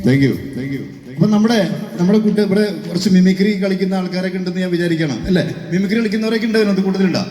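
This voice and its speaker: A man hosting a mimicry act on stage, teasing the audience with quick questions. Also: sits high, mellow. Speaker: stage mimicry artist and host. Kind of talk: lively stage chat with the audience. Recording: echoey hall with faint music.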